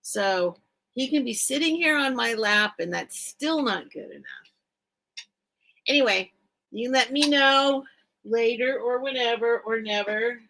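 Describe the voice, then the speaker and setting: A woman hosting a casual live sale of vintage goods, talking slowly and thinking out loud. Her voice is bright and clear. Her chatter rambles in a friendly, unscripted way. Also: a little high, poor audio. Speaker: online seller, host of live sales. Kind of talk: casual livestream sales chat.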